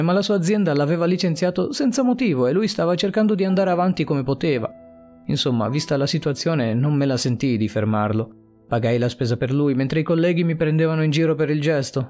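A man's voice: mid-range voice, darkish tone, natural voice. A man voicing a police officer buried alive, who talks urgently and blames himself. The delivery stays close to a plain reading voice. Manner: urgent, earnest pleading. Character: adult male police officer, desperate and self-blaming.

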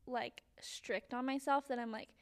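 Young valley girl type lady, high voice, chatty podcast cohost talk. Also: fairly even intonation, normal speed, clean tone. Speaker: podcast co-host. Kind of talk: casual chat.

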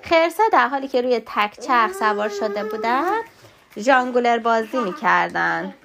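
Woman, mother, reading aloud at home, explains words to a child, gravelly, somewhat high. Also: lively intonation, a crowd in the background.

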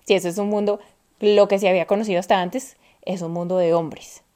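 A young woman co-hosting a casual podcast chat, lively and acting out the things people say to themselves. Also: medium pitch, fairly quick. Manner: animated, acts out quoted self-talk. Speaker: podcast co-host.

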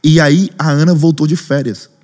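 A man's voice: a little high, moderate pace, in a large hall. A man, a pastor and worship leader, telling a story in a podcast interview and acting out other people's lines. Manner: lively, acts out other people's lines in raised voices.

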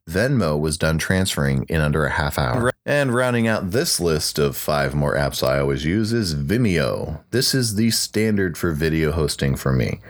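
A man hosting a solo podcast, talking through his picks in an upbeat, conversational way with light jokes. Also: sits low. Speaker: podcast host.

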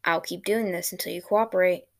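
A woman voicing a mysterious old British man who travels through time, calm and dry with a sarcastic edge. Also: on the low side, fairly quick, vocal fry.

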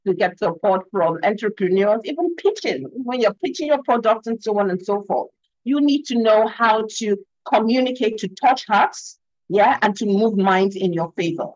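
A Nigerian woman with a Nigerian accent, a communication expert, earnestly and emphatically explains her ideas on a video call, often tagging "yeah?" onto her points. Her voice is fairly high, and the recording sounds dry, dull, and slightly lo-fi.

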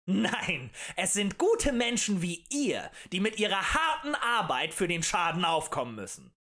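A man voicing a fiery male demagogue who rants and shouts at a tavern crowd in an audiobook. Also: sits high, sing-song, unhurried, voice pushed up, exaggerated voice. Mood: ranting. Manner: ranting, shouting, rhetorical and accusing.

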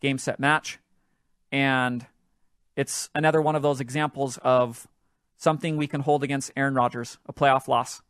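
A man hosting a solo podcast, telling a sports story in an animated, excitable way that builds up with the action. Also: medium pitch, moderate pace, clear, resonant tone, dry recording, studio quality. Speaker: podcast host.

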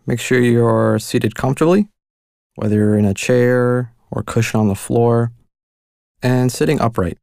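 A man leading a guided meditation in a soft, calm and unhurried way, pausing between short instructions. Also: medium pitch, vocal fry, dry recording, studio quality.

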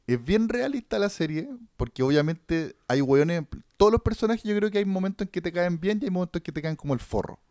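In a clean studio recording with no echo, a man with a high, darkish voice talks expressively, a little fast and with few pauses. He's a podcast host with a Chilean accent, rambling casually about a series and using lots of slang and fillers.

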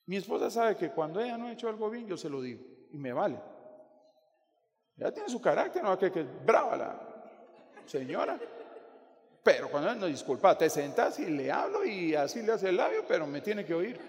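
A man preaching a sermon in a joking, animated way, addressing listeners as brother. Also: high-pitched, moderate pace. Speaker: pastor. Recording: long hall reverb.

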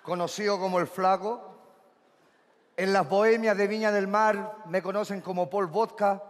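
A man putting on a very high, squeaky voice for a skinny Chilean braggart who rambles about his exploits in excitable bursts. The sound carries a long reverb tail, with a faint wash of background noise. It sounds like a live comedy routine. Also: moderate pace, lightly acted. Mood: boastful. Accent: Chilean Spanish. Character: boastful skinny young male party-goer, clownish braggart. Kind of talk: comic storytelling sketch.

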